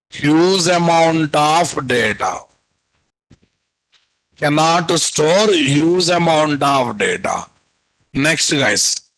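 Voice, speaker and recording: A man with a Telugu Indian accent teaches programming online. His voice sits a little high and he speaks very slowly, as if dictating notes. He repeats phrases and keeps prompting his students with questions. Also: a bit bright, low-quality recording. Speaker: programming instructor. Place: indoor room at a computer, video call.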